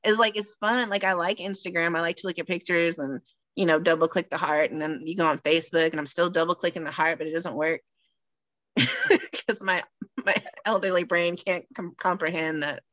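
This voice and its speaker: A woman chatting casually on a podcast, telling stories in an animated way and laughing often. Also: lowish voice, a little fast, dry recording, dull audio.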